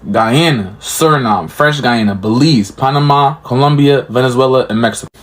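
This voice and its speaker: A man's voice: mid-range voice, moderate pace. A man hosting a reaction video, talking casually and explaining things to viewers he calls y'all. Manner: chatty, addresses viewers as y'all.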